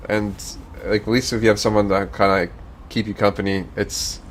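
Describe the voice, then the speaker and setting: A man's voice: fairly low pitch, flat delivery, normal speed, slight background noise. A man from Northern Virginia chatting casually on a stream, rambling and swearing freely. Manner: rambling, profane, easygoing.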